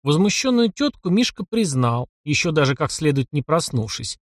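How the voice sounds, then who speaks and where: A man narrating an audiobook in an expressive storytelling manner. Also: fairly high pitch, moderate pace, no room sound, clean studio sound. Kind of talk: scripted narration.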